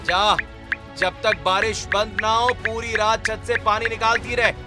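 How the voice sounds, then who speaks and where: A loud, high-pitched drunk brother barks orders and insults in a cartoon story, as a man puts him on. Music plays clearly behind the shouting. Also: moderate pace, close to an everyday voice. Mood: angry shouting. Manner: shouting, abusive, demanding. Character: drunk bullying young adult brother, bad-tempered.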